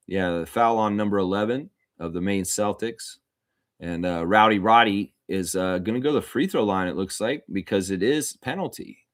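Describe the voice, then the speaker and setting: A livestream host with a fairly low voice calls basketball play-by-play as casual fan commentary. He's conversational, rambling a little and repeating himself, in clean studio sound with no room sound.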